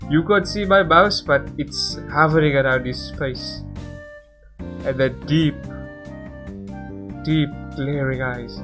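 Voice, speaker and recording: A man's voice: a little high, takes it slowly, pauses often. A young man doing a casual let's-play, reading game text aloud and breaking off into rambling commentary. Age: young adult. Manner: rambling, self-interrupting. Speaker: gaming channel host. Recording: music behind the voice.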